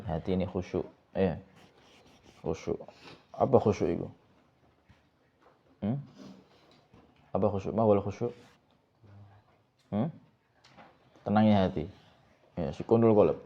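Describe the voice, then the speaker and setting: A man's voice: deep voice, highs cut off. A man teaching a pesantren kitab lesson as an ustaz. He reads the Arabic text, explains it, and keeps asking his students questions. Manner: asks students questions over and over, mixes in Javanese words.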